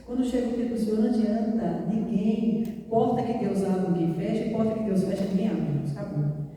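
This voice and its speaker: A woman's voice: mid-range voice, brisk, dark tone. Earnest woman preaching in an echoey hall. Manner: earnest storytelling, often addressing the congregation as brothers. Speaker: guest preacher. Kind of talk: testimony sermon. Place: church hall. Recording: echoey church hall, voice from far off.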